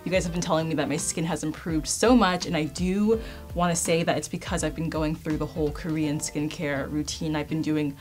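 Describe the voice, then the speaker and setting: Chatty young woman, lowish voice. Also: fairly even intonation, a little fast, darkish tone, soft background music. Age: 20s. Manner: chatty, upbeat, addresses viewers as you guys. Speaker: beauty vlogger. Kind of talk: casual chat to camera. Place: indoor filming space.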